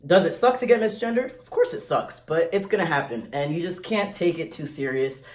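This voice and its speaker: A man's voice: a little high, fairly quick. Guy vlogging casual advice, blunt n slangy, kinda echoey room. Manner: animated, blunt, slangy, with frequent restarts.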